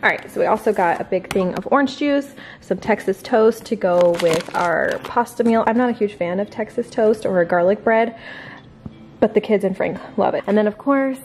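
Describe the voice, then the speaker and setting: A woman's voice: medium pitch, normal speed, darkish tone, a little hiss or hum. A woman in her thirties, a family vlogger, chatting casually and in a friendly way with her viewers as she shows her groceries in a large home kitchen. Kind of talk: casual grocery haul chat.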